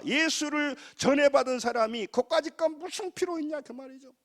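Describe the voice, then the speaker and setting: A man with a Jeolla accent preaches in a high, bright-pitched voice that swoops up and down with a lot of life. He talks in a folksy, emphatic way and has the congregation say lines back to him. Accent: Jeolla Korean. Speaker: pastor. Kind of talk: sermon.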